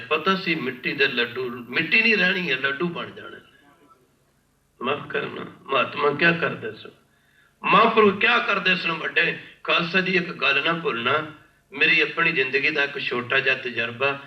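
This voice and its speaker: A man from India preaching a sermon with storytelling, impassioned and repeating his phrases, often pausing to beg the congregation's pardon. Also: on the high side, animated, pushed and bright. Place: large worship hall. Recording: echoey hall, distant mic, dull lo-fi.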